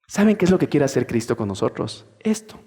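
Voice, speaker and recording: A male pastor preaching a sermon in a lively way, acting out the voices of churchgoers as he goes. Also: medium pitch, a little fast, big-room sound.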